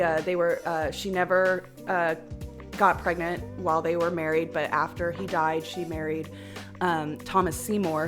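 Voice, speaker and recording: A woman from the American Midwest co-hosting a podcast, chatting casually, laughing often and using lots of fillers. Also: on the low side. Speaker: podcast co-host. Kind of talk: casual chat.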